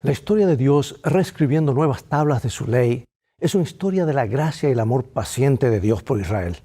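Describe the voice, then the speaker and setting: Pastor with a mellow, measured voice. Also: male voice, medium pitch, lively intonation, breathy edge. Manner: measured, formal reading style. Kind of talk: sermon-like Bible lesson review.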